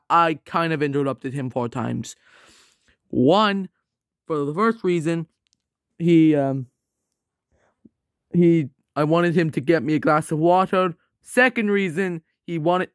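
Guy doing sick plush luigi, sore throat, tired and quiet, highish voice, super dry sound. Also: no room sound. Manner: low, tired, quiet delivery with sighs. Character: sick, weary adult male plumber plush. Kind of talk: plush toy skit.

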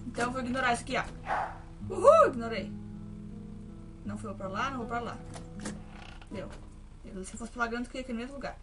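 A gaming video host gives jittery let's-play commentary on a horror game, shrieking whenever something startles her. Her fairly high voice swings widely in pitch, and she talks fast with frequent pauses as game music plays behind her.

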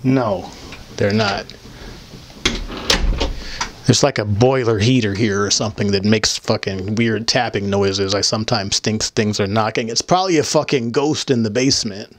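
A man's voice: lowish voice, steady tone, moderate pace, slight background noise. A young man talking into a handheld mic in a small room as he answers viewer comments. His talk is blunt, crude and rambling, and he mocks as he goes. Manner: blunt, profane, rambling and mocking. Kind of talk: casual, crude monologue. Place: small indoor room with photo-covered wall. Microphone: handheld microphone held close.

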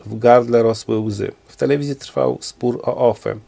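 Man narrating a novel aloud; steady delivery with a gravelly texture. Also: mid-range voice, a little slow. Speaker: reader.

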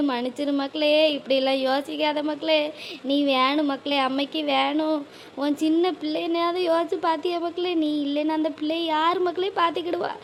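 A repentant mother voiced by a woman soothes her child through sobs. The voice rides very high and carries a faint hiss beneath. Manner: sobbing, consoling, repentant. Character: grieving remorseful middle-aged mother. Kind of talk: cartoon voice acting.

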